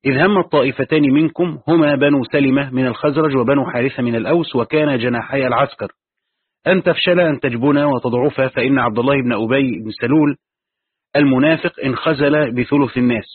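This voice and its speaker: Speaking fast in a husky, mid-range voice, a man reads from a tafsir and adds his own explanations as he teaches Quran commentary. There is no echo, though the sound is tinny and lo-fi, as if from a phone.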